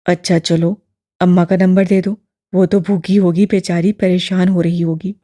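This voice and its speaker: A woman's voice: fairly low pitch, moderate pace, no room sound, studio quality, pitched below the performer's own voice, lightly acted. A woman voicing a kindly old imam. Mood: gentle. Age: older. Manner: steady, balanced, fatherly tone. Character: kindly elderly male mosque imam, calm and patient.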